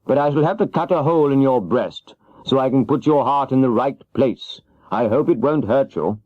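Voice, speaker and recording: A man's voice: medium pitch, moderate pace, no room sound, pitched above the performer's own voice, natural voice. A man voicing a polite, obliging little humbug wizard in a children's storybook reading. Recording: dull, lo-fi cassette transfer.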